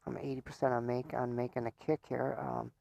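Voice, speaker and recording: A man's voice: mid-range voice, level tone, brisk, vocal fry, dark tone, lo-fi sound. A man giving casual live commentary on a pool match. He chats, laughs often, and stumbles over repeated words.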